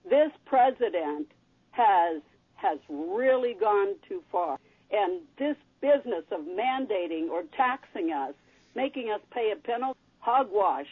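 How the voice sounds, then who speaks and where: A woman's voice: a little high, husky. A woman in her sixties calling into a talk radio show on a speakerphone, sounding echoey and complaining indignantly. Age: 60s. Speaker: caller. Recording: tinny speakerphone call over phone line.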